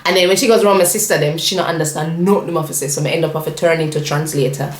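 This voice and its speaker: A woman's voice: deep voice, fairly even intonation, rapid-fire. Young Jamaican-accented woman, roomy echo. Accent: Jamaican, with some English. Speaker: vlogger. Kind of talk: casual chat.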